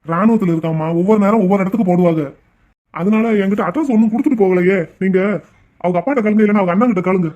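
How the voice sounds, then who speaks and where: Cartoon: a man playing a meek tea seller, quick and high-voiced, dull lo-fi sound. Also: a little mellow, lightly acted. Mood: worried. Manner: pleading, fretful. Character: meek adult male tea shop owner. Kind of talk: cartoon voice acting.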